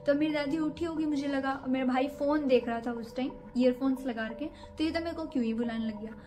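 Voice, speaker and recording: High-voiced young woman telling a story. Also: a little fast, music in the background. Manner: chatty, rambling retelling of a scary night. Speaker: vlogger. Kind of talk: casual storytelling to camera.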